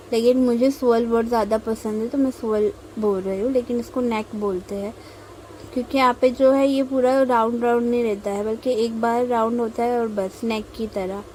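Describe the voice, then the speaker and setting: A young woman from India talks through a tutorial in a calm, unhurried voice-over, pausing often as she explains each step. Her voice sits a little high but sounds mellow and warm rather than bright. A faint hiss runs underneath. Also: poor audio. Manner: slow, patient explaining with frequent pauses. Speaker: mehndi tutorial host. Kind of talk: instructional voice-over while drawing.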